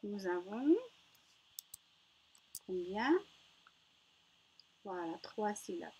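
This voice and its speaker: A woman teaching a reading lesson to young children, slow and patient, praising answers and sounding out each word. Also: medium pitch, warm tone, husky. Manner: patient, encouraging, spells out syllables. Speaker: primary school teacher.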